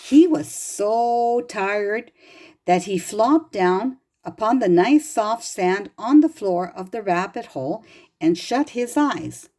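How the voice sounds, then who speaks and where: Reading a children's storybook, a woman speaks slowly and carefully in a soft-edged, mellow voice with lots of pitch movement. Her delivery is gentle and expressive, as though addressing small children.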